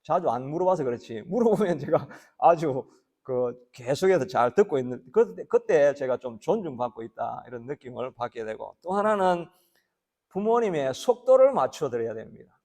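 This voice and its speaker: Male pastor, middle-aged, slightly high voice, slow plain-spoken sermon, acts out voices in his stories. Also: big pitch swings, a little mellow.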